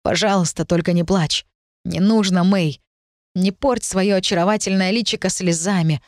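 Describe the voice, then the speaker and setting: Woman reader doing earnest young prince, soft and halting, close and dry. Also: on the low side, no echo, lightly acted. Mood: soothing. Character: young man, a stubborn prince, gentle and earnest.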